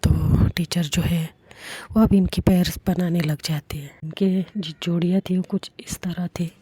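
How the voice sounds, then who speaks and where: A woman narrating a love story in a soft, often half-whispered manner. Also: lowish voice, steady tone, unhurried, breathy edge, no room sound.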